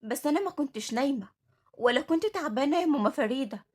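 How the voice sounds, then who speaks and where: A woman's voice: high-pitched, animated, fast, a little mellow. A woman with an Egyptian accent reading the part of a frightened teenage orphan girl, speaking earnestly and pleadingly. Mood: fearful.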